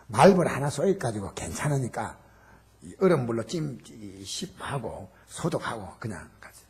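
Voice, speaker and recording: Male pastor, middle-aged; high, very lively delivery, animated storytelling from the pulpit. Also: husky. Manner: animated storytelling, acting out shouted quotes. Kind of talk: sermon with personal story. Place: church sanctuary.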